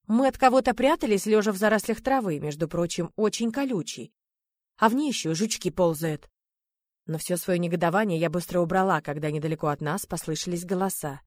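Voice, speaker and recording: A woman narrating a first-person story aloud, lively and playfully ironic. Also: fairly low pitch, brisk, no room sound, studio quality. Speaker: audiobook narrator.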